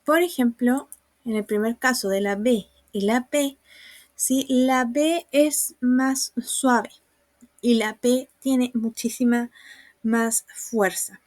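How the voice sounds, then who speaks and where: A woman's voice: on the high side, a little mellow, dry recording. A woman, patiently explaining sounds and writing in a recorded online lesson. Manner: slow, patient explaining with examples. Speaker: Mandarin teacher.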